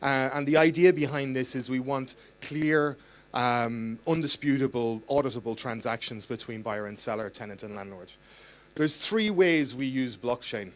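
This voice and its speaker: A man with an Irish accent giving a live startup pitch at a demo night, earnest and with fillers. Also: normal speed. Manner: earnest, with fillers and mic checks.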